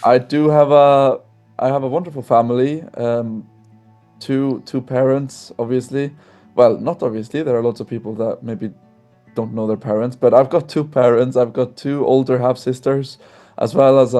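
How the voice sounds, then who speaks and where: A man in his twenties from Iceland, a podcast guest talking openly and warmly over a video call, often restarting his sentences. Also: medium pitch, fairly even intonation, normal speed, faint music behind. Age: 20s. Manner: friendly, open, with frequent restarts. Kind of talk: casual conversational interview.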